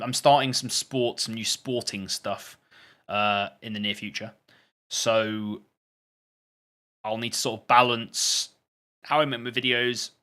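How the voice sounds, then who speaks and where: A man's voice: medium pitch, pushed and bright. A man chatting casually on a live stream, reading out and answering viewer questions. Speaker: gaming streamer.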